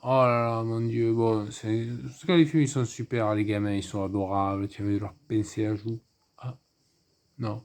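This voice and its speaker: A man's voice: on the low side, steady tone, normal speed, a little mellow. A man giving a casual, rambling film review, full of asides and fillers.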